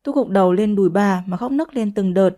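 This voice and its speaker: A woman narrating a first-person romance story in a steady, unhurried storytelling voice. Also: medium pitch. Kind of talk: scripted audiobook narration.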